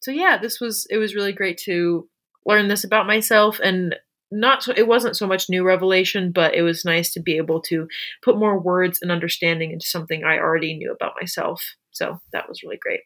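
Young woman on a podcast, kinda low voice, chatty and upbeat, laughs a lot. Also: brisk, a bit bright. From grew up in Ukraine, Russia and Germany. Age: 20s. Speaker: podcast guest. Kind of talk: casual interview chat.

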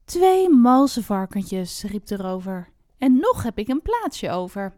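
Lady doing the big bad wolf from a storybook, slow gloaty drawl, dry sound. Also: medium pitch, big pitch swings, a little mellow, dry recording. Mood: gloating. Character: greedy boastful male wolf.

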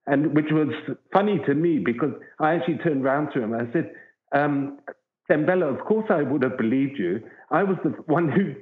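A man, a wildlife researcher, telling an earnest, rambling story as an interview guest. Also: on the high side. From southern Africa. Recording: tinny phone-like line with echo.

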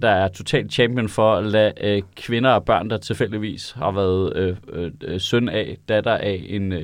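A man's voice: fairly low pitch, dry recording. A man in casual podcast chat, loose and profane, laughing often.

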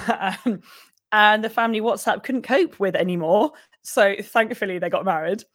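A young woman co-hosting a podcast, with a croaky, husky voice, chatting and laughing as she rambles. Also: medium pitch, moderate pace, no echo, studio quality. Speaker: podcast co-host. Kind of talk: casual podcast chat.

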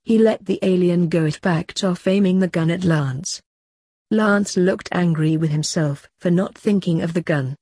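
A woman narrating a sci-fi story aloud in a steady, plain way. Her voice is husky and somewhat low, with a dry, close sound. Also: measured pace, no room sound.

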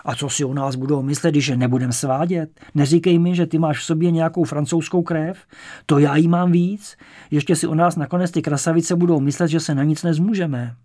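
A man reading an audiobook, voicing a brash, loud and teasing male poet character. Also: mid-range voice, fairly even intonation, few pauses, no room sound, studio quality, natural voice. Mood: boisterous.

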